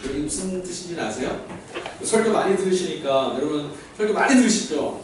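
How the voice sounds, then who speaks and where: High-voiced pastor preaching in an echoey hall. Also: male voice, brisk. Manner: animated preaching, acts out God's voice and asks the crowd questions. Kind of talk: sermon. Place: large echoey church hall. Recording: echoey hall from far off, faint noise.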